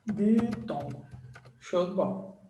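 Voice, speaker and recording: Slow, patient male teacher. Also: sits high, expressive, mellow, recorded from a distance, a little hiss or hum. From Brazil. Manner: slow, repeats words and checks in with "tá?" and "certo?". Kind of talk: recorded grammar lesson at a board. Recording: echoey room, voice off-mic.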